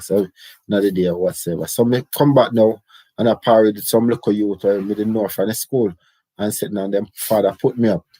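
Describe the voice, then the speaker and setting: Middle aged jamaican guy rambling in patois, low husky voice, dry close sound. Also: dark tone, no echo. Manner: rambling, patois-heavy storytelling. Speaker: storyteller recounting his life. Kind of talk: casual autobiographical chat.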